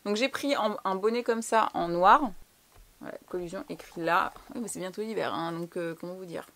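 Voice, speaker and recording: A woman's voice: fairly low pitch, moderate pace, a bit bright. Young french woman rambling through a haul, slangy, swears a bit. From France. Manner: chatty, slangy, swears casually. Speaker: fashion vlogger. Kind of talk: casual haul chat.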